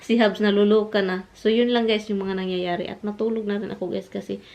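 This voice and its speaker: A woman's voice: mid-range voice, fairly even intonation, fairly quick, a little mellow. A woman from the Philippines with a Bisaya accent, telling a story to her viewers in a chatty vlog and mixing English into her Tagalog. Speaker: vlogger.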